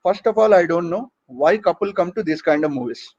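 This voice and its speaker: A man's voice: high-pitched, lively intonation, a little fast, darkish tone. A man with an Indian English accent performing a stand-up comedy set for an online audience, teasing and chatty, full of tag questions. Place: home, virtual conference. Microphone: online call audio. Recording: dull lo-fi online audio.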